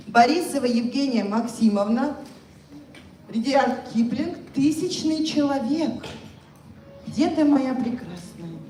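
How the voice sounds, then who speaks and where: High-voiced woman host, Russian accent, playful teacher type, heard off-mic in a big echoey hall. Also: darkish tone, distant mic, slight background noise. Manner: playful, teasing banter with young contestants. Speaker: contest host and English teacher. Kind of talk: live event hosting, mixing Russian and English.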